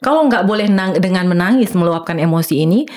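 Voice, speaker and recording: A woman's voice: on the low side, animated, fast talker, a little mellow. A middle-aged woman doctor speaks in an earnest, explanatory way as a podcast guest. She walks through her points patiently and slips into the voices of the people she quotes.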